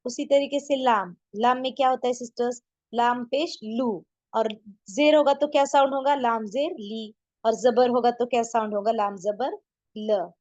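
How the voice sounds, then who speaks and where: A woman's voice: on the high side, darkish tone, no echo. A woman teaching a beginner language lesson online, patiently sounding out letters and asking her students questions. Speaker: Urdu teacher. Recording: dry, dull lo-fi sound.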